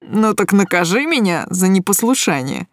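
A woman reading an audiobook voices a cocky young male thug who talks in a slow, sneering drawl. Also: lowish voice, lively intonation, no echo, studio quality.

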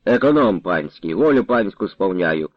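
A man's voice: sits low, sing-song, moderate pace, no room sound, voice pushed down. A man voicing a cruel, haughty male estate steward who answers curtly in a dull, dry recording. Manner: curt and dismissive.

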